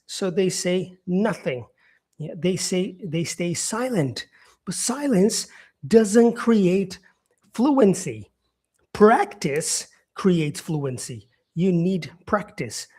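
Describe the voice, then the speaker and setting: A man from Brazil teaching English in a live stream, speaking slowly with many "yeah" and "um" fillers, repeating and rephrasing his points. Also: sits high, lively intonation, a little mellow. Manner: repeats himself, answers viewer comments, frequent "yeah" and "um".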